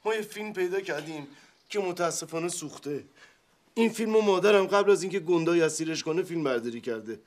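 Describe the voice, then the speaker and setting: An actor playing a calm young man who reasons with others and settles quarrels in a TV series. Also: a little high, close to an everyday voice. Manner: calming, reasoning. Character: young man, calm level-headed nephew.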